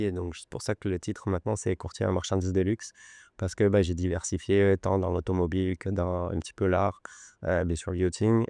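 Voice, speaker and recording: A man in his forties from France with a Lyon accent, an interview guest telling his story in an unhurried, hesitant way. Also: low-pitched, gravelly, warm tone, clear, resonant tone, no room sound, clean studio sound. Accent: French, from Lyon. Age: 40s. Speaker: podcast guest, luxury goods broker. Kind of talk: conversational interview. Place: podcast studio.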